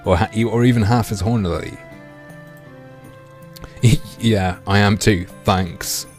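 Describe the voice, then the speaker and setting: A man livestreaming through a headset mic, reading a game aloud and joking crudely with his chat in a deadpan way. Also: fairly low pitch, takes it slowly, faint music behind.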